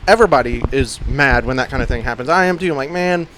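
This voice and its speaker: A man's voice: mid-range voice, fast talker, fairly bright tone, a little hiss or hum. Rambling casual male podcast host. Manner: rambling, peppered with "like" and "you know"; blunt, swears casually. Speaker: gym coach and podcast host.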